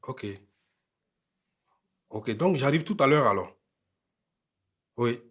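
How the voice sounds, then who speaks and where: An arrogant husband grown rich, his husky Burkinabè French voice unhurried and dismissive. He drawls his lines with a slow, lazy pace. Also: mid-range voice, animated, a bit bright, exaggerated voice. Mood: polite. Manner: curt and scornful at home, polite on phone.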